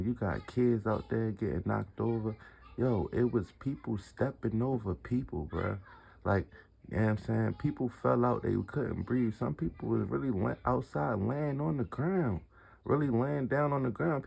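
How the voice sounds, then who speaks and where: Gravelly young-sounding man, slangy eyewitness. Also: lowish voice, a little mellow. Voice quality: gravelly, husky. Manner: slangy, rambling, repeats "you know what I'm saying". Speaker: concertgoer giving an eyewitness account. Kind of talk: casual street interview.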